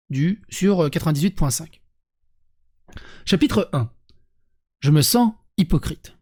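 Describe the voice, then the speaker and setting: French-accented streamer, reading aloud, sarcastic asides, lively, restarts, mid pitch. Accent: French (France). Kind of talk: reading an article aloud with commentary.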